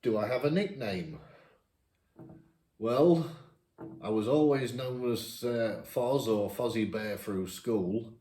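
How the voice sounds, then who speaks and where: A man in his fifties with a northern English accent, chatting casually as he answers viewer questions, each read out brighter. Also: mid-range voice, slow, long pauses, roomy sound. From England. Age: 50s. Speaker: vlogger. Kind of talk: casual Q&A chat.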